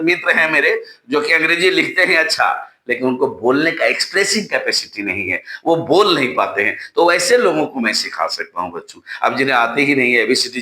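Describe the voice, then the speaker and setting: A man from Bihar teaching a spoken English lesson to students, often calling them children and repeating drill phrases slowly. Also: mid-range voice, bright, forceful tone, roomy sound. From Bihar, India.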